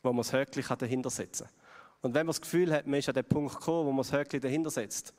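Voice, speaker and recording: A man's voice: mid-range voice, rapid-fire, a little mellow. Swiss German man preaching in a hall. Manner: conversational, asks the audience questions. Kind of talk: sermon. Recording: long hall reverb.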